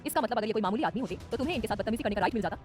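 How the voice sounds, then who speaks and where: A woman's voice: mid-range voice, lively intonation, racing, soft background music, natural voice. A woman voicing Mrs. Neelima, a stern, authoritative female CEO with a commanding, scolding manner.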